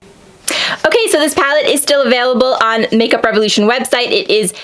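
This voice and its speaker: A beauty vlogger from Long Island, New York talks fairly quickly in a high-leaning, fairly bright voice. Her casual makeup review chat is rambling and self-deprecating, with a bit of allergy sniffling.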